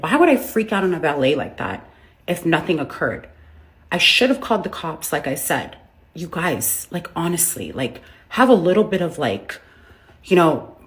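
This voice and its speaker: A woman talking defensively into her phone, rambling and filling her sentences with "like" as she makes an apology video. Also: lowish voice. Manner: defensive, rambling, heavy use of "like". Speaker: business owner making a public apology.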